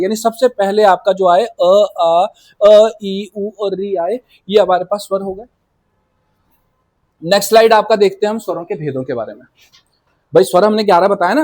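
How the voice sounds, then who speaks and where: A man with a fairly high voice gives a recorded grammar lecture to exam students. He works through each point step by step, puts rhetorical questions to the class and sounds out the letters one at a time. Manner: repeats filler words and sounds out letters one by one. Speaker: Hindi grammar teacher.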